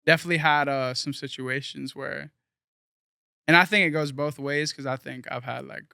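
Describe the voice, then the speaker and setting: A man's voice: medium pitch, fairly even intonation, normal speed, vocal fry, pushed and bright, smooth, dry recording, studio quality. A young man from South Florida, a guest musician talking casually in an interview, rambling earnestly with lots of fillers.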